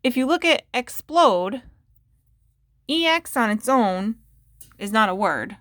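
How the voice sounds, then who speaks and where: Slow, patient woman teaching phonics. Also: fairly high pitch, expressive, fairly bright tone, dry recording, clean studio sound. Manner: sounds out word parts slowly and clearly; patient, asks the listener questions. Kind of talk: phonics lesson for young children.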